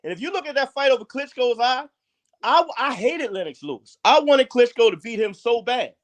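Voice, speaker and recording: A man's voice: extremely high pitch, sing-song, fairly quick. A man co-hosting a casual boxing podcast, arguing his points firmly and emphatically. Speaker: podcast co-host.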